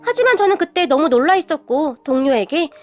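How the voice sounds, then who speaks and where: A young woman narrating a scripted first-person story in a steady, confessional way. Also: high-pitched, a little fast. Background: faint music.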